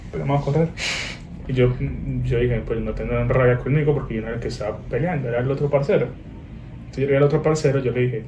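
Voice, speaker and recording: Young man, animated slangy storyteller, mellow tone, faint hiss. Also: quick pace, reverberant, highs cut off. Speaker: guest. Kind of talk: casual chat. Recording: noisy low-quality recording.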